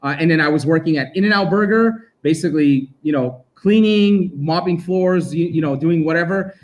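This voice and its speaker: Chatty man collector, upbeat. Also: fairly high pitch. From Armenia, raised in Los Angeles. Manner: talkative, quick to laugh. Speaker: collector guest. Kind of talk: casual chat.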